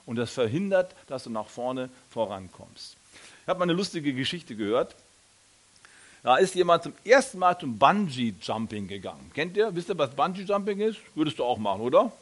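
A man preaching a sermon, telling a story with lively delivery, speaking directly to the congregation and acting out the voices of people in it. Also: fairly high pitch, moderate pace. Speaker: pastor.

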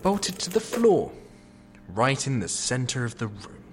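A sarcastic British captive. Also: male voice, medium pitch, very animated, unhurried, noisy background. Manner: sarcastic, dismissive and drawling. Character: lazy sarcastic British man held captive. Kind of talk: audio drama acting.

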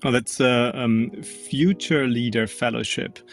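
A man's voice: medium pitch, measured pace, creaky, faint music behind. A man with a German accent, a physics professor, explaining carefully as an interview guest with frequent ums.

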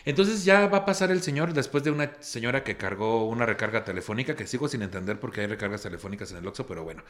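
A man's voice: fairly low pitch, lively intonation, fast talker, a bit bright. Ranting Mexican man telling a story. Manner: ranting, swears a lot. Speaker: podcast host. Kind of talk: comic storytelling chat.

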